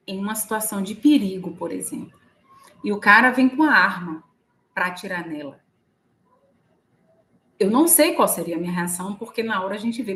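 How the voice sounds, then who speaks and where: A woman with a Brazilian Portuguese accent hosting a casual spiritual livestream from home, chatty and often checking with her audience. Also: mid-range voice.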